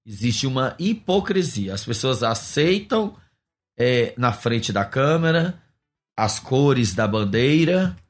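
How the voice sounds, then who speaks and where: A man's voice: mid-range voice, very animated, slow pace. A man, a pastor, answering interview questions about his past in an earnest, reflective way. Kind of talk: interview testimony.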